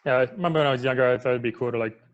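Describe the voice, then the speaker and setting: Relaxed male podcast guest, slightly muffled. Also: medium pitch, very fast. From Michigan. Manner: relaxed, filler-heavy, lots of "like". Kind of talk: casual interview chat.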